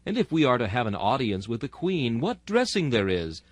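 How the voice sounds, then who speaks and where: Reading an archaic sermon dramatically, this mid-pitched man sounds solemn and exhortatory, leaning hard on rhetorical delivery with big pitch swings. He speaks at normal speed. The recording is dry, with no room sound around his voice.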